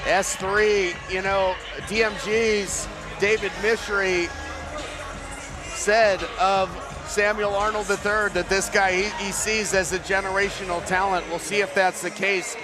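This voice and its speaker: A man's voice: high voice, flat delivery, measured pace, music in the background, crowd noise. A man giving live play-by-play boxing commentary, setting up the fight and the fighters' records.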